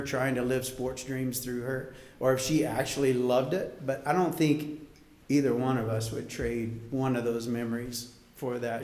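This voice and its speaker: A middle-aged father of the bride gives a heartfelt, prepared wedding toast, emotional and holding back tears. His voice is medium-pitched with a darkish tone, and the room is echoey.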